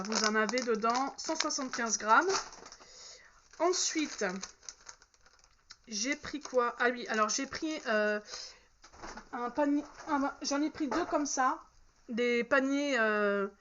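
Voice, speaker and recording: Chatty high-voiced woman showing her shopping, lots of ums, a bit muffled with faint hiss behind. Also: unhurried, pauses often, sharp tone. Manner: chatty, hesitant, many fillers and self-corrections. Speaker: vlogger showing a shopping haul. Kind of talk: casual chat. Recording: slightly dull, faint background noise.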